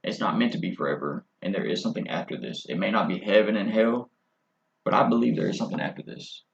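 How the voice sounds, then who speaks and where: A man's voice: fairly low pitch, animated, fast talker, vocal fry. A man hosting a podcast, telling a personal story in a candid, casual and profane way. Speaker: podcast host. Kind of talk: casual chat. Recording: slightly muffled audio.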